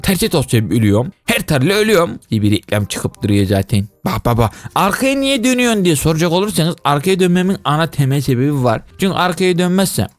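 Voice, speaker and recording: An excitable man gives running commentary on his own gameplay, his voice sitting a little high and bouncing all over. He yelps and cries out when something scares him. The sound is dry and close to the mic, with faint game music underneath. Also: fast talker, hardly any pauses, no echo. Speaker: gaming YouTuber.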